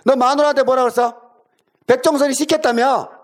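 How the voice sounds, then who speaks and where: A man's voice: very high-pitched, fairly even intonation, a little fast. A man arguing on a call, aggressive, swearing and hectoring the other person. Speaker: caller in a heated argument. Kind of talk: angry phone argument.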